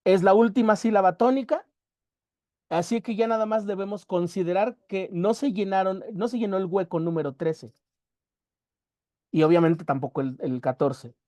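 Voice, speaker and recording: Mellow poetry teacher, dry sound. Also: medium pitch, no room sound. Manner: methodical, spells out syllables slowly with emphasis. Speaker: literature workshop teacher. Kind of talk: explanatory lecture.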